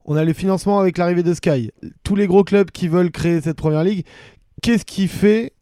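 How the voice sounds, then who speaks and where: Smooth, slightly high male host. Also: a little fast, mellow, no room sound, studio quality. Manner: guiding, summarizing. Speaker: podcast host. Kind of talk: moderating football chat.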